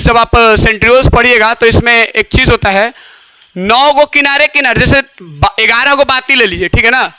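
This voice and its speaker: A man's voice: sits high, pushed and bright, smooth, dry recording. A man teaching biology in a classroom lecture, who keeps asking questions and answering them himself.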